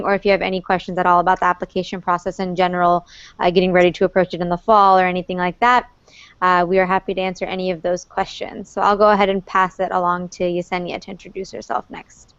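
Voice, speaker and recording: A woman's voice: medium pitch, clean tone, no echo. A young woman from North Carolina, a student moderating an online Q&A session, reading out questions and passing them to others in a friendly, organized way. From North Carolina, USA. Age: young adult. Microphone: video call. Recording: slightly muffled video call audio.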